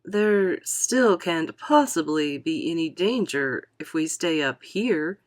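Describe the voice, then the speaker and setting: Woman playing a slow-talking, bluff storybook centipede. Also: sits low, lively intonation. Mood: scoffing. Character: brash, scoffing male centipede, bluff and impatient. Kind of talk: storybook character voice in a read-aloud.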